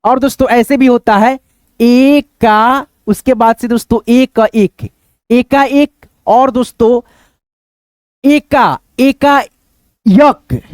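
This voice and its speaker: A man teaching Hindi reading online, breaking hard words into syllables and repeating them slowly, often calling the viewers friends. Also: extremely high pitch, dry recording. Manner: addresses viewers as friends with frequent fillers.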